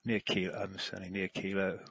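A man's voice: low-pitched, completely flat delivery, brisk, gravelly, background noise. A man working as a pilot, making radio calls and readbacks in a hesitant, fairly informal way. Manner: hesitant, informal phraseology with hellos.

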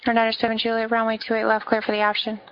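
A woman working as an air traffic controller on the radio, giving clipped procedural instructions in an even delivery. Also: fast, no room sound. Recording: muffled low-fidelity radio audio.

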